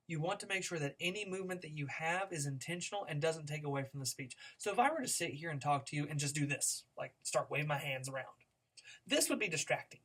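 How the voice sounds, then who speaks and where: A man instructing on speech gives a recorded, conversational lecture, demonstrating by playing with his tempo, pitch and volume, with frequent filler words and restarted phrases.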